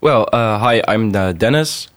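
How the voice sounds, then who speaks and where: A young man from the Netherlands introduces himself in a low voice. He speaks haltingly, with fillers and restarts, as a student guest on a podcast. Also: expressive.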